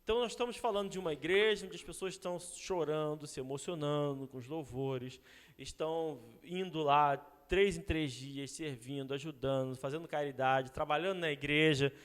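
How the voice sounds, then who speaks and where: A Brazilian man with a Brazilian Portuguese accent, teaching a Bible study in a relaxed, conversational way, often adding "né?" to check that his listeners follow. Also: a little high, moderate pace, big-room sound. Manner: conversational, frequent rhetorical "né?" asides. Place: church hall.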